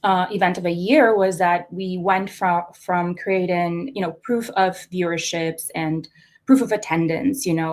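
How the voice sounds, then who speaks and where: A young woman from Costa Rica talks through her ideas in an interview, pausing on "um" and "uh" as she goes. Her voice sits a little low for a woman, and she speaks with a steady, reflective flow. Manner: thoughtful, many fillers and restarts. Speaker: artist guest. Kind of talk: conversational interview.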